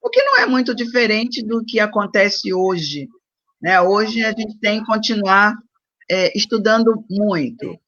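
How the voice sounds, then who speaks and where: A woman's voice: mid-range voice, sing-song, a little slow, fairly bright tone, no room sound, muffled recording. A woman teacher giving opening remarks in an online debate, firm, tagging her sentences with "né?". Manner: uses the tag "né?" again and again, firm. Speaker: panelist, school teacher. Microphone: video call.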